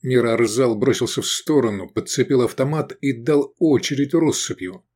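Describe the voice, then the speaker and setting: A man narrating an adventure audiobook in an expressive reading voice. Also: medium pitch, moderate pace, breathy edge. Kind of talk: scripted narration.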